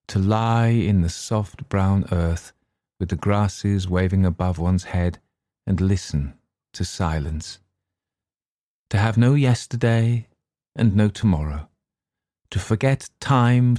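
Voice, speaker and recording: A man voicing a weary old ghost in a low, dreamy voice. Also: dark tone, no room sound, studio quality. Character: weary centuries-old male ghost, sad and sleepless. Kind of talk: audiobook reading.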